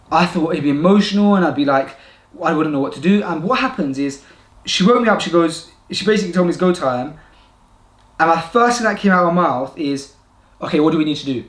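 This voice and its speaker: Young vlogger dad, earnest advice, higher voice, roomy echo. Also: male voice, fairly bright tone. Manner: earnest, repeats points for emphasis. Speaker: vlogger giving advice to new fathers. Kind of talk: casual direct-to-camera advice. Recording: echoey room.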